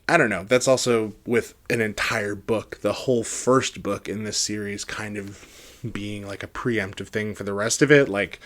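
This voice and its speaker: Man, lowish voice, casual book reviewer, conversational, hedging, rambling, trailing phrase ends. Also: fairly bright tone.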